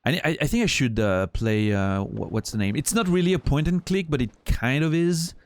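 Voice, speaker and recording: A native French speaker from Switzerland, with a Swiss French accent, talks to his stream audience in a medium-pitched voice at a moderate pace with lively intonation. The chat is loose and profane, wandering and full of restarts.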